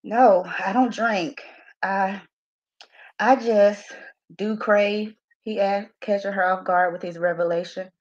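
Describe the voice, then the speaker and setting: A woman's voice: medium pitch, slow pace, lo-fi sound. A woman reading the first chapter of her own novel aloud from her phone, voicing the characters' lines with expression. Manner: expressive reading with laughing asides to a live audience.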